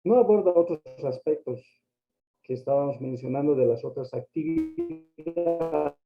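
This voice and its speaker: A man's voice: a little high, sing-song, unhurried, gravelly. A man lecturing on accounting over a choppy, crackly microphone line, hesitant and full of fillers and tag questions. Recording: dull lo-fi sound, faint music behind.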